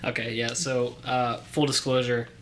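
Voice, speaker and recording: A young man co-hosting a relaxed podcast chat. His delivery stays flat and monotone, even when he jokes sarcastically, and he fills pauses with plenty of ums. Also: medium pitch, a little hiss or hum. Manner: dry deadpan sarcasm, many ums. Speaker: podcast co-host.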